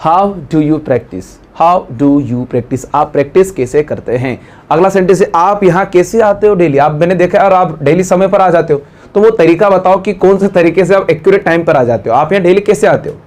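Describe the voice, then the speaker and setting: An Indian-accented male teacher gives a classroom English lesson in a voice pitched a little above the usual. He runs through explanations briskly, then slows right down to say each example sentence, and keeps asking the class to translate. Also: darkish tone. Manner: explains quickly, then says English sentences slowly and clearly; speaks directly to the students and prompts them to translate.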